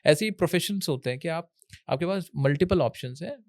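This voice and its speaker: Young Indian man, guest, dry close sound, slightly high voice, chatty advice-giver mixing Hindi and English. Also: lively intonation, fairly quick, dry recording. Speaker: educational YouTuber guest. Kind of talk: casual Hinglish interview talk.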